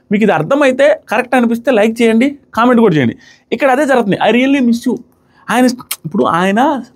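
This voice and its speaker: A man giving a casual, animated review of a reality show, mixing English words into his talk. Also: sits high. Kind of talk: casual commentary.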